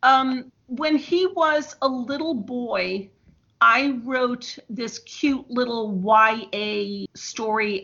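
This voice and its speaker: A woman's voice: a little high, pushed and bright. A middle-aged woman from Indiana, a guest author chatting casually and laughing often. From Indiana, USA. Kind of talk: casual podcast chat. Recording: dull lo-fi audio.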